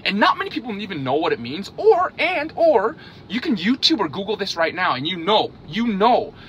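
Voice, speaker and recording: Man in his 30s, casual vlog talk, lively pitch, bright forceful voice, keeps asking "okay?", faint vehicle hum. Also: normal speed. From South Korea, raised in Hungary. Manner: animated, checks in with "okay?" after most points. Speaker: vlogger on investing. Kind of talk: casual direct-to-camera talk.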